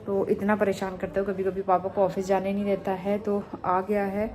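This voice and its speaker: A young woman vlogs from indoors at home, chatting casually to viewers about her day. She's warm, homely and talkative, speaking to both her viewers and her child. Her voice is medium-pitched and completely flat, at a normal pace, with slight background noise.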